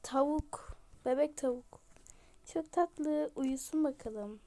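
A high-pitched woman talks her viewers through a game. She reacts excitedly to each new find and gushes over the cute items. Her commentary is casual and chatty. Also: slow. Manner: excitable, gushing exclamations. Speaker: game vlogger.

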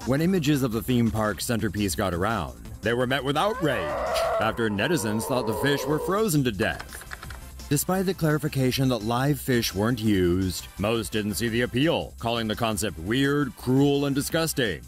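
A man's voice: medium pitch, very animated, normal speed, over music. A man narrating scripted news stories in a wry, playful way.

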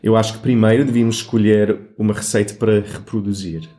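A man's voice: lowish voice, level tone, fast, warm tone. A man with a European Portuguese accent co-hosting in casual, easygoing chat, with some hesitations. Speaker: co-host.

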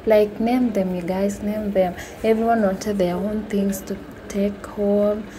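A woman's voice: mid-range voice, fairly even intonation, a little slow, background noise. A young woman with a Kenyan accent chatting casually to her viewers, asking them questions, with plenty of fillers. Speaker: vlogger. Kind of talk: casual vlog chat to viewers. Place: busy outdoor village market at dusk.

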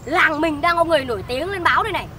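A woman's voice: high-pitched, expressive, racing, pushed and bright. An actress playing a gossipy village newspaper seller hawking her papers. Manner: hawking, sing-song. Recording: outdoors from far off, street noise.

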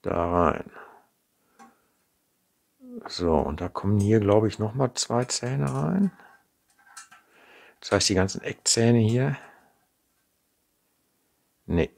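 A middle-aged man from the Ruhr speaks with a broad Ruhr German accent, his voice low, gravelly and a little husky. He chats and thinks aloud at an indoor workbench, picked up by a camera mic over the table, often ending his sentences with a questioning "ne?". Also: expressive, slow, pauses often, darkish tone. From Ruhr area, Germany. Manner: chatty, thinking aloud while working, frequent "ne?" tags. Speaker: model kit maker. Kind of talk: unscripted hands-on build demonstration. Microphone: camera mic over a tabletop, hands in frame.

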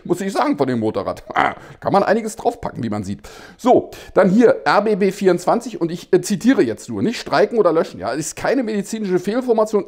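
A male satire host with a voice that sits a bit high for a man. His delivery is very animated, with big swings in pitch. He talks in an ironic, mock-innocent tone and keeps dropping in chuckles between remarks. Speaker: satirical news show host. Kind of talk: satirical news commentary.

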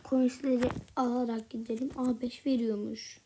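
A woman giving casual gameplay commentary in a soft, half-whispered voice, a little sick with a slightly rough voice. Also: fairly high pitch, little pitch movement, moderate pace, slight background noise. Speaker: gaming channel host.

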